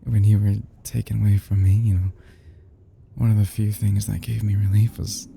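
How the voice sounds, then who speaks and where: A man takes the role of an obsessive young yandere kidnapper, lovesick and tender in a halting, fragile way, for an ASMR roleplay drama. He stammers, sighs and often drops to breathy half-whispers in a lowish, mellow voice with little pitch movement. Slight background noise sits behind his regretful, aching tone.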